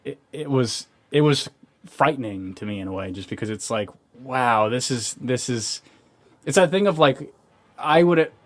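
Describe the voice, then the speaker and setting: A man's voice: medium pitch, lively intonation, normal speed. A young man co-hosting a casual podcast, ranting sardonically with many restarts and fillers. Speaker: podcast co-host.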